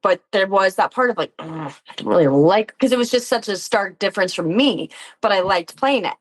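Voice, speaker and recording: A woman appears as an interview guest, a player and actor on a tabletop game show, talking in a casual, reflective way. Her mid-range voice is animated and a little fast, and she's giggly, laughing often as she speaks. The recording is rough.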